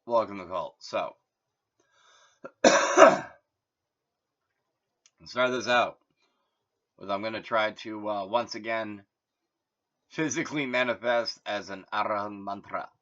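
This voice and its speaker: A man's voice: on the low side, slow, pauses often, a bit bright. Man rambling casually on a lo-fi recording. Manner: meandering, full of "like" and "uh", casual. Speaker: host. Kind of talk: rambling solo monologue. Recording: dull lo-fi recording.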